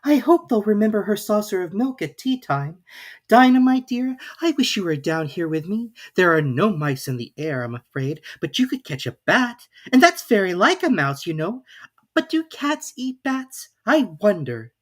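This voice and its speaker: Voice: mid-range voice, big pitch swings, normal speed, pitched above the performer's own voice. A storybook narrator voicing Alice, a curious, chatty little girl who rambles and wonders aloud to herself. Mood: wistful, dreamy. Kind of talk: children's storybook character reading.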